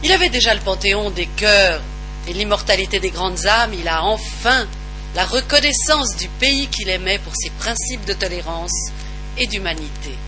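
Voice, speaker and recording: A woman's voice: medium pitch, animated, normal speed, pushed and bright, low-quality recording. A woman reading listener messages aloud in a declamatory, emphatic way. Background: music underneath.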